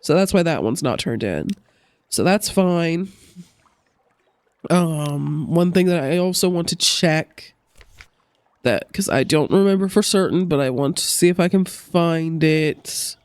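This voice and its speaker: A woman with a low, slightly mellow voice, congested as if recovering from a cold, hosts a let's play. She chats casually and thinks aloud as she plays, sounding animated at a measured pace. The recording has no room sound.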